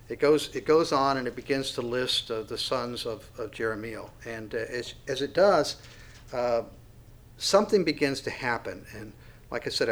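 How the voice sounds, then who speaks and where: A pastor in his sixties leads an informal Bible study at an average pitch with a fairly bright tone. His manner is folksy and self-deprecating, and he often restarts sentences and fills pauses with "uh."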